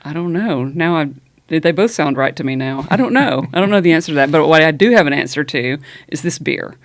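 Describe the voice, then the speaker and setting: A woman race director co-hosting a casual podcast from an office, upbeat and quick to laugh. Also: low-pitched, expressive, dry recording. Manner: upbeat, laughs often, enthusiastic.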